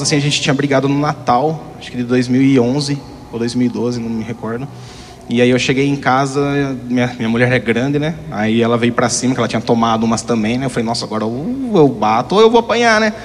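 Fast-talking man, frank testimony. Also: medium pitch, steady tone. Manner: frank, rambling, fillers like "né". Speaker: guest giving a testimony. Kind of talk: candid personal testimony. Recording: hall reverb.

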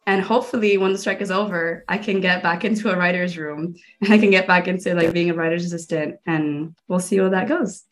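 A woman's voice: lowish voice, fairly even intonation, fairly quick, hardly any pauses, faint music behind. A young woman from Miami, a guest filmmaker and stand-up comedian, chatting casually in an interview and filling her sentences with "like". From Miami, Florida. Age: young adult. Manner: chatty, lots of "like" fillers.

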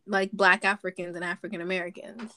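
A woman's voice: lowish voice, level tone, fast talker, pushed and bright. Chatty young woman from Zambia. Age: young adult. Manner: chatty storyteller, many likes and ums. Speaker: podcast guest. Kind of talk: casual podcast chat.

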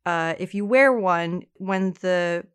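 Smooth-voiced woman podcast storyteller. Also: lowish voice, a bit bright. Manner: chatty storyteller, quick asides. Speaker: podcast co-host. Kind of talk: casual true-crime podcast chat.

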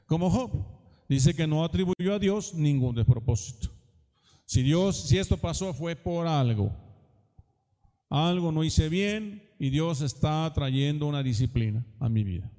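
A male preacher delivering an earnest sermon, his voice mellow and pitched a little higher than most men's. He keeps checking in with the congregation, and the sound rings with a long hall reverb. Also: lively intonation, unhurried. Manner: earnest, asks the congregation questions.

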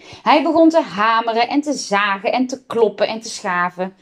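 A woman reading a children's book aloud, expressive and giving the characters their own voices. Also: fairly high pitch, moderate pace. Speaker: reader.

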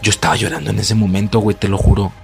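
A young man with a Mexican accent, excitedly retelling a story in slangy, profane casual talk and acting out his own shocked reactions. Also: on the low side, very fast, vocal fry, soft background music. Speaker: vlogger.

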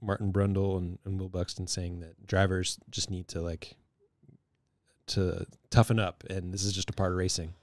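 A man's voice: low-pitched, level tone, moderate pace, dry recording. A man co-hosting a casual podcast, talking loosely with lots of fillers and trailing phrases. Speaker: podcast co-host. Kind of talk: casual chat.

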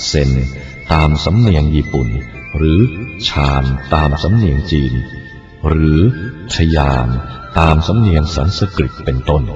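A male Buddhist monk reading a written teaching aloud in a measured, deliberate way. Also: very deep voice, darkish tone. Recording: dull lo-fi recording with faint music.

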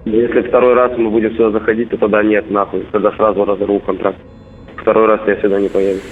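A soldier calling home, talking bluntly and swearing constantly, heard as an intercepted call over a radio. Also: male voice, on the low side, flat delivery, fast. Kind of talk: casual phone call. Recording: tinny intercepted radio line, faint hiss.

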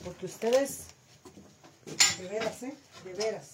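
A woman with a Mexican accent, a mother brisk and scolding as she gives household orders in casual family talk. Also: medium pitch. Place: family home kitchen. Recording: noisy home recording.

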